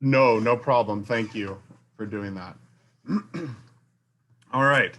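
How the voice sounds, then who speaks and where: A man's voice: on the low side, slow pace, a bit bright. A university faculty member giving an online talk, his mic cutting in and out so his volume rises and falls, with many fillers and restarts. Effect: mic cutting in and out, uneven volume. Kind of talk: online conference presentation. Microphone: video call mic.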